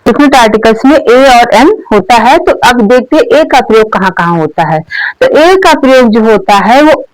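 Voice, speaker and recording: A woman's voice: a little high, expressive, no room sound, rough recording. A patient woman teaching grammar step by step. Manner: asks questions then answers them, repeats points, frequent "okay" check-ins; says English example words slowly and deliberately. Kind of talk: explanatory grammar lesson for learners.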